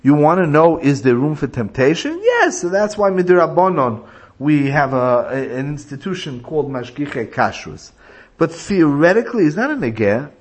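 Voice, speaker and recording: A man's voice: a little high, sing-song, moderate pace, breathy edge. A man teaching a religious lecture, explaining points through illustrative stories. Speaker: rabbi teaching a class.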